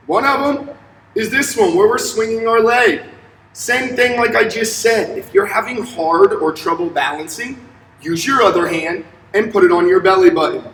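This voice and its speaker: Encouraging kids with simple, short, upbeat directions, a young male elementary PE teacher with a high, fairly bright voice runs an instructional fitness demonstration. He's in a large, empty indoor school gymnasium, recorded by a distant camera a few steps away, so it sounds echoey with a little hiss or hum.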